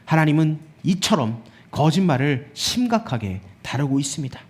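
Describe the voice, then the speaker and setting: A male pastor delivers a sermon in a church sanctuary. His voice sits high for a man, and he keeps turning to the congregation with rhetorical questions. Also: very animated, normal speed, darkish tone, breathy edge.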